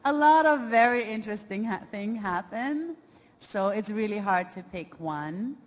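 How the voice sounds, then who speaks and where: A woman's voice: mid-range voice, animated, a little slow. A woman from Iran, a festival guest, answering the host's questions in an upbeat, polite way.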